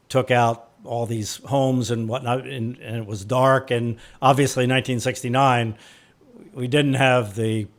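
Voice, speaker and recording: A man co-hosting a podcast, explaining conversationally with emphatic, halting delivery. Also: medium pitch. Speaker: podcast co-host.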